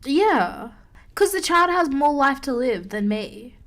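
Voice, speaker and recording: A woman's voice: sits high, sing-song, slow pace, a bit bright. A woman in her early twenties co-hosting a podcast, chatting casually, laughing often and speaking with emphasis. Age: early 20s. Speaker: podcast co-host. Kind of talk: casual chat.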